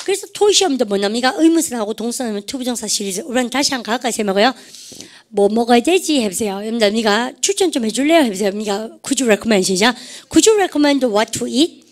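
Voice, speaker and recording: Brisk, coaxing woman teaching English. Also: a little high. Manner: energetic, coaxing call-and-response drills; keeps addressing her students directly. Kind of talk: lively classroom-style vocabulary lesson.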